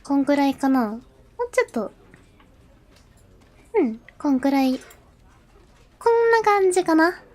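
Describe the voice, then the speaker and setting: A woman's voice: sits high, big pitch swings, a little slow, long pauses, darkish tone. A woman streaming as a VTuber, chatting casually with many fillers while she sets up and then translates the game narration aloud. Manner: chatty, lots of fillers, talks to herself while setting up.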